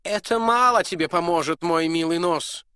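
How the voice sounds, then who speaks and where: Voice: mid-range voice, normal speed, fairly bright tone, dry recording, clean studio sound, voice pushed up, close to an everyday voice. A storyteller voicing a smug visiting prince who mocks and condescends to a cook in a storybook reading. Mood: condescending. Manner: mocking, condescending.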